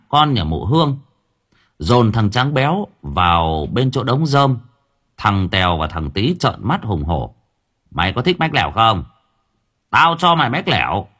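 A man narrating an audiobook story in an expressive storytelling manner. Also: on the low side, husky. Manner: expressive, swinging voice for drama.

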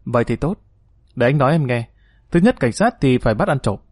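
A man's voice: mid-range voice, animated, fairly quick, a little mellow, slightly rough, no echo. A man voicing a confident, protective leader who speaks in an easy-going, assured way, recorded dry. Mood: jovial.

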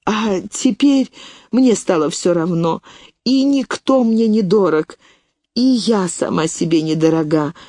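Woman doing a young heroine in despair, pleading, higher and strained, slow delivery. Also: mellow, no room sound, clean studio sound, lightly acted. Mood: desperate pleading.

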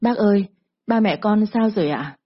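A woman's voice: medium pitch, normal speed, slightly rough, muffled recording, natural voice. A woman voicing a tearful young daughter. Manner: tearful, pleading. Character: young woman of twenty-one, a grieving daughter.

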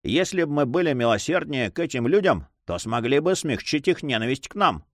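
A man voicing an ironic, quietly bitter young nobleman in an audiobook. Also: medium pitch, big pitch swings, brisk, no echo, clean studio sound, pitched above the performer's own voice, close to an everyday voice.

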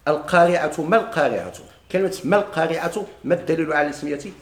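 A man's voice: on the high side, fast talker, echoey room. A man with a Moroccan Arabic accent teaching a grammar lesson to a class, posing questions and answering them himself.

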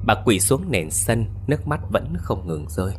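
Man reading a ghost story, low voice, steady and somber, faint music under it. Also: normal speed. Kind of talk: scripted ghost story narration.

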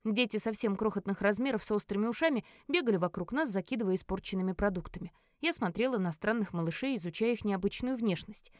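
A woman reading a fantasy novel aloud in the first person. Her delivery is expressive and emotional, at a middle pitch. The sound is dry and close, with no room around it. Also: fast talker, hardly any pauses, no echo. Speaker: audiobook narrator.

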